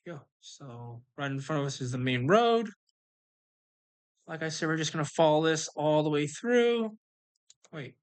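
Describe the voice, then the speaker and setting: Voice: mid-range voice, animated, moderate pace, pauses often, clear, resonant tone. Casual gamer talking through a walkthrough. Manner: instructional, talks through each move as it happens. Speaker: gameplay streamer giving a walkthrough. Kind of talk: casual live game commentary.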